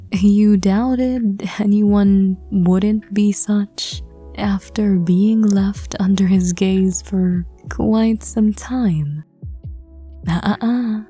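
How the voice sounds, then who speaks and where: Woman narrator, whispered role-play, breathy and husky, very slow. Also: mid-range voice. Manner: hushed, breathy, intimate second-person narration. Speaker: audio drama reader.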